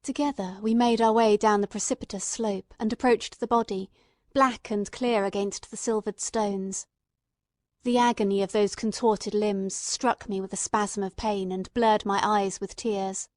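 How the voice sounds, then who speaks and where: A performer with a steady, mid-range voice and measured pace plays an earnest, emotional male companion narrating an old-time radio mystery. The lightly acted, scripted narration is somber, literary and fervent, recorded dry with studio quality.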